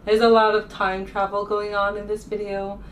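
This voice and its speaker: Picked up by a distant mic with faint room noise, a woman from the US rambles casually to camera for her vlog. Her mid-range voice is completely flat and moderately paced, and she sounds informal and hesitant as she thinks aloud.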